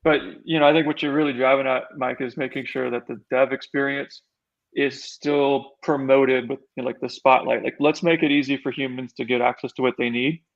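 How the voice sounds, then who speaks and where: A man's voice: medium pitch, steady tone, fairly quick. Easygoing male podcast guest, lo-fi audio. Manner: enthusiastic, easygoing, laughs often. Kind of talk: casual tech chat.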